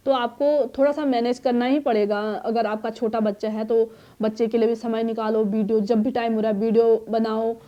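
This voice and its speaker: A woman's voice: a little high, little pitch movement, lo-fi sound. A woman in her thirties from Uttarakhand who runs a boutique, answering viewer questions in a chatty, advising way from her small shop. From Uttarakhand, India. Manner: chatty and advising, reads comments aloud, pauses to cough and clear throat. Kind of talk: casual Q&A talk to camera. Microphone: phone on a tripod.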